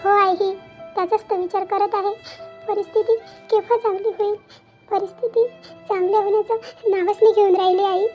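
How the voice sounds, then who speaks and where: A woman voicing a troubled young married daughter in a cartoon. She talks in a hesitant, pleading way with halting restarts. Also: very high voice, fairly even intonation, a little mellow. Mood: tearful. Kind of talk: Marathi cartoon voice acting. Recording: dull lo-fi with faint background music.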